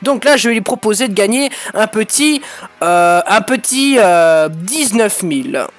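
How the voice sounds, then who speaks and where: A man giving excitable, crude let's-play commentary as a gaming YouTuber, breaking into sudden shouted outbursts. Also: high voice, a little slow, soft background music.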